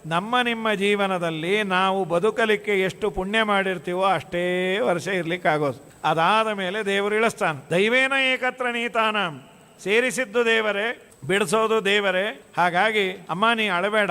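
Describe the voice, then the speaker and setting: Bright high-voiced man preaching in a hall. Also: normal speed. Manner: storytelling, acts out quoted dialogue; chants scripture verses in melody. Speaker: religious discourse speaker. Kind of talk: devotional sermon. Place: monastery hall.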